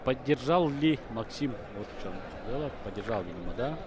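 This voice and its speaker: A man's voice: mid-range voice, expressive, a little fast, a crowd in the background. A man giving conversational live wrestling commentary, thinking through the bout as he talks. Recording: noisy sports hall broadcast. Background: loud arena noise.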